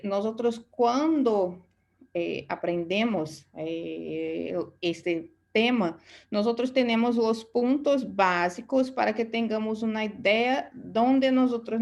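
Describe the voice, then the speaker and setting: A Brazilian woman with a mid-range, darkish voice teaches aesthetics in an online lecture. Portuguese is her native language, so she speaks with a Brazilian Portuguese accent and sometimes searches for words in her second language.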